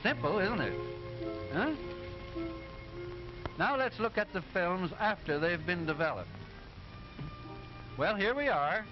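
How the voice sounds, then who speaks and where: A patient cartoon professor from an early talkie film. His voice is high and he lectures in careful, didactic phrases. The soundtrack is dull and vintage, with music playing behind him. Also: animated. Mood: patient, instructive. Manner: deliberate, didactic, clearly enunciated. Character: instructive professor explaining machinery to pupils. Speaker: narrator explaining sound film.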